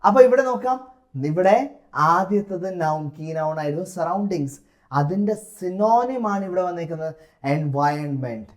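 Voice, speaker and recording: A man with a Malayali accent teaching a lesson for an English test, explaining step by step and reading example sentences slowly with stressed key words. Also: sits high, animated. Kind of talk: classroom-style lesson.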